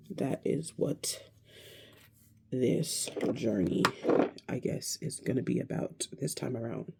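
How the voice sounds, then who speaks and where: A woman in her thirties talking to camera in a casual, reflective vlog, hesitant and searching, with many pauses and restarts. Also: extremely low pitch, vocal fry, mellow, breathy edge. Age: 30s. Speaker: vlogger.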